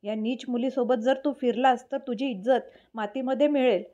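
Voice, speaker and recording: A woman's voice: on the high side, steady tone, moderate pace, dark tone, muffled recording, lightly acted. Woman reading as a sneering spiteful mother. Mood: contemptuous. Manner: sneering and contemptuous. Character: scornful, spiteful older mother.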